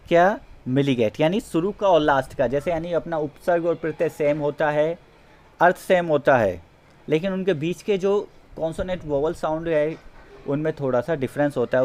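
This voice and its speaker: A man teaching a grammar lesson in Hindi, who reads example sentences slowly, then explains them and answers his own questions. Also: fairly high pitch, a little mellow, a little hiss or hum.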